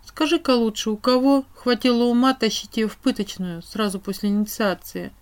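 A woman voicing a brisk, teasing witch whose voice turns strict and cold. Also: a little high, fairly even intonation, natural voice.

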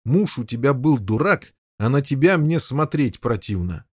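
A man voicing a calm, stern noble knight who speaks in measured tones. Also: medium pitch, breathy edge, dry recording, clean studio sound.

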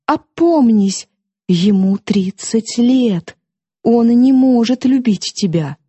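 A woman's voice: a little high, expressive, a little slow, husky, dry recording, voice pushed up. A woman reading an audiobook, voicing a defiant, mocking young woman who lashes out at her sister. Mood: scornful. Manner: sharp, mocking, impassioned outbursts.

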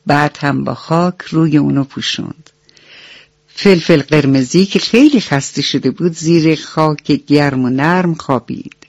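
A woman's voice: sits low, darkish tone, no echo. A woman storyteller narrating a bedtime story for children on radio, tender and addressing them as her dear ones. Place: radio studio. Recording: dull dry radio studio recording.

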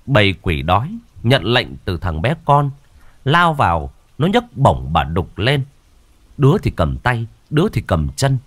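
A man narrating a ghost story, dramatic and slowing down on the eerie moments. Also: fairly low pitch, no echo.

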